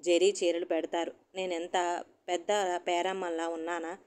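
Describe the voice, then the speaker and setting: Sharp-tongued middle-aged wife and mom, testy and sulky, as a woman reads her lines. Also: lowish voice, flat delivery, normal speed, smooth, close to an everyday voice. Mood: irritable. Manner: sharp, peevish complaining. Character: irritable middle-aged housewife and mother.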